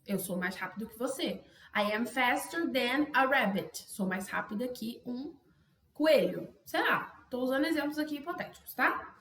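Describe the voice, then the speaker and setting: A Brazilian woman teaching an English grammar lesson, chatty and casual, often adding quick tag questions. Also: high voice, lively intonation, a bit bright, echoey room. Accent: Brazilian Portuguese. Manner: chatty, self-interrupting, frequent "né?" tags. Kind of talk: online language lesson.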